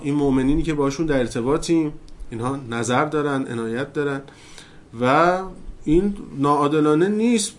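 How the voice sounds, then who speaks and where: A man teaching religion in a question-and-answer session, turning loud and emphatic as he preaches. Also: medium pitch.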